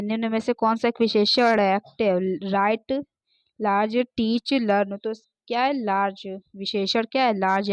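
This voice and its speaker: A woman teacher going through multiple-choice exam questions, reading English sentences slowly and explaining answers. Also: a little high, smooth, no echo. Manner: frequent "ok, next dekhiye" refrains. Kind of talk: exam-prep lesson, reading MCQ options and answers. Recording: dull, dry, lo-fi sound.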